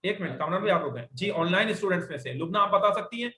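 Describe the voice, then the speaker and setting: Bright, high-voiced male teacher in echo. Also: lively intonation, a little hiss or hum. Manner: patient, repeats sentences slowly and corrects students. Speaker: Arabic teacher. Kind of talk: classroom grammar lecture. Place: classroom with online students.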